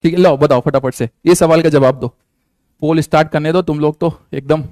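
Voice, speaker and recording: A man's voice: a little high, steady tone, a little fast, a little mellow, no echo. A man teaching a live online class, coaxing students with repeated questions and playful jokes.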